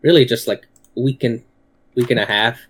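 A man co-hosting a gaming podcast, running through news in a hesitant way with many pauses and fillers. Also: mid-range voice, fairly bright tone. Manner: hesitant, lots of uh and restarts. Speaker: podcast co-host. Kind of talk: casual gaming podcast chat.

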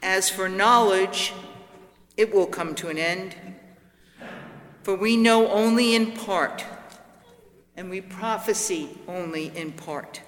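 A man reading scripture aloud at Mass in a deliberate, solemn way, his voice carrying a long church reverb. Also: sits high, a bit bright. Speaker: lector. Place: large church. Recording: long echo of a large church.

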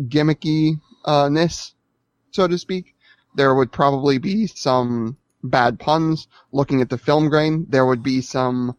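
A man chatting as a podcast panelist in a measured, wry way. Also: medium pitch, no room sound, dull audio. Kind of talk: casual chat.

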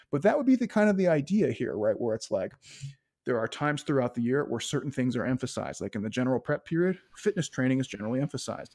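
A man's voice: mid-range voice, a little mellow. Man explaining training with frequent "right?". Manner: explains step by step, often adds a questioning "right?". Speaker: sports physiology consultant, podcast guest. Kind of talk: explanatory interview talk.

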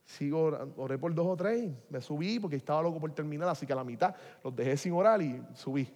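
A man preaching a testimony, telling his story animatedly and swinging from hushed to loud. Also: fairly high pitch, fast. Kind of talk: sermon testimony. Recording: long hall reverb.

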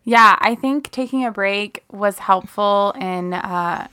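A woman's voice: medium pitch, slow, bright, forceful tone, a little hiss or hum. A young woman co-hosting a podcast, chatting casually and eagerly, often trailing off and restarting. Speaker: podcast co-host. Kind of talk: casual chat.

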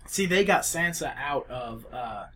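Animated young man rambling among friends. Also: medium pitch, measured pace, noisy background. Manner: rambling, excitable, laughs often. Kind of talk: casual chat among friends.

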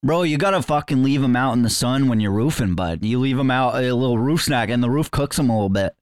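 A brash, foul-mouthed young rapper, played by a man, who answers questions with swagger and curses in every line. His voice sits at an ordinary middle pitch and sounds dry and close. He calls the people around him "bud" and "dude.". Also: expressive, quick pace, clean tone, dry recording, natural voice. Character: crude cocky young male small-town rapper. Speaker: guest. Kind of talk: improvised comedy interview.

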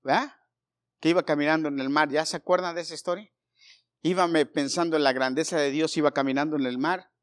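High-voiced fervent preacher. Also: male voice. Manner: fervent, swinging from loud exhortation to hushed storytelling. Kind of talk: sermon. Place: church.

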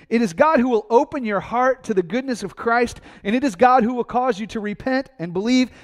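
High-voiced energetic preacher man. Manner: energetic, asks the congregation questions and answers them. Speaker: pastor. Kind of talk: sermon.

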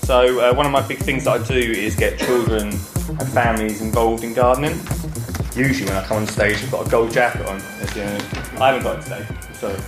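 A man's voice: medium pitch, steady tone, brisk, music in the background. Chatty Essex man speaking in an echoey room. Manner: chatty, joking, self-deprecating. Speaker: gardening podcaster and speaker. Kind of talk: informal stage talk to an audience. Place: indoor talk before an audience, roomy space. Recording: echoey room with some background noise.

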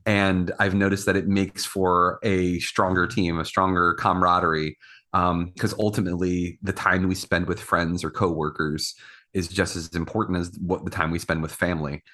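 Guy on a podcast panel, casual rambly talker, bright edge, slightly low voice. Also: little pitch movement, normal speed. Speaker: podcast panelist and executive producer. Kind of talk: casual conversational chat.

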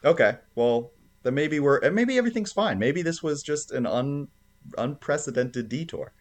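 A man co-hosting a podcast in casual, informal chat, with animated reactions. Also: fairly high pitch, normal speed. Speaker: podcast co-host.

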